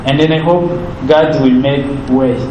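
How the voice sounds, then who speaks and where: Heartfelt and earnest, a young Rwandan-accented man whose first language is Kinyarwanda answers interview questions in a voice on the high side. He hesitates and repeats words as he hunts for the right ones, and the muffled audio carries steady background noise and a roomy echo.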